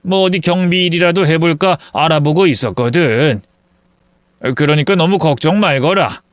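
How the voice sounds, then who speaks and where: A man voicing an embarrassed, mild-mannered older father-in-law who mumbles excuses gently. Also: a little high, moderate pace, no room sound, studio quality, lightly acted. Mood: sheepish.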